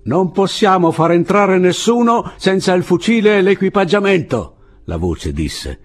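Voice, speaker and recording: A man voicing a suspicious militiaman sentry who questions slowly from behind a parapet, in an audiobook reading. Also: extremely low pitch, fairly even intonation, a little mellow, husky, soft background music, pitched below the performer's own voice, heavily acted. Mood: wary. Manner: slow, wary questioning.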